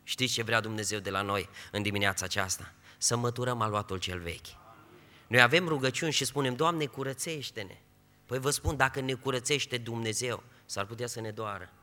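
Preacher guy, sharp tense voice, goes from quiet to loud and fervent, echoey church hall. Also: medium pitch. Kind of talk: church sermon.

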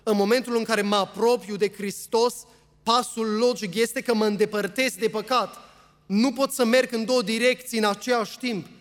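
A man's voice: sits high, fairly even intonation. A man preaching a sermon in a church, reading scripture aloud and earnestly putting questions to the congregation. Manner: reads scripture aloud at length. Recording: long hall reverb.

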